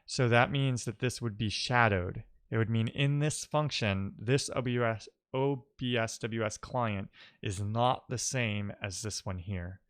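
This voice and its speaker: While coding on a live stream, this man chats loosely and haltingly, thinking aloud and muttering as he goes. He has a lowish, clear voice with a resonant tone.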